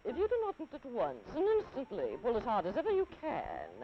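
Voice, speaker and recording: A woman voicing a gruff, worldly male python snake who talks slowly in a dry, grumbling manner, on a dull lo-fi 1950s TV kinescope recording. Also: fairly high pitch, wildly swooping pitch. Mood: urgent.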